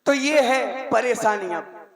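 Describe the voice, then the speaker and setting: A man with a Bundeli accent telling a comic story on stage, acting out the voices of family members and getting loud at times. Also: extremely high pitch, slow pace, crowd noise. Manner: animated, acts out voices, gets shouty. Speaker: comic performer. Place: outdoor stage show with crowd.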